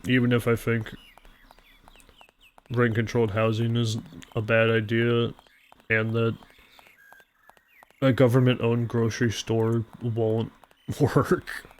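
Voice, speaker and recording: A man's voice: medium pitch, level tone, takes it slowly, pauses often. A man giving casual commentary while playing a video game. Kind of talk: casual gameplay commentary, reading dialogue aloud. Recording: music behind the voice. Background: game music.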